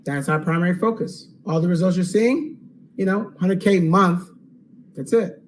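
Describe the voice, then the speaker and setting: A man hosting a live webinar Q&A, upbeat and salesy, checking in with "okay?" and going hoarse. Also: sits high, moderate pace, slight background noise, low-quality recording. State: losing his voice. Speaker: online course host.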